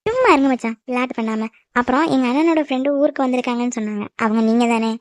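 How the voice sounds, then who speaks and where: Quick high-pitched woman, cartoon dub. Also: expressive, dry recording. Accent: Tamil. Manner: scolding and teasing. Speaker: voice actor in a cartoon. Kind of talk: animated cartoon dub acting.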